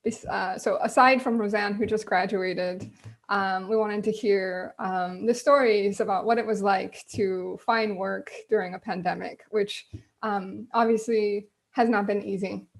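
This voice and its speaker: A woman at her computer hosting a relaxed video-call panel, speaking at an ordinary middle pitch. Her delivery is loose and conversational, dotted with ums as she introduces people and plans the evening. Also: unhurried. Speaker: host. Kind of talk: casual online panel chat.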